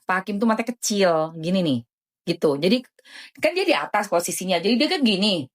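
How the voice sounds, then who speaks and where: A woman hosting a casual live stream, chatting animatedly in slang and selling skincare. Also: brisk. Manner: animated, chatty, jumpy pitch swings, lots of slang.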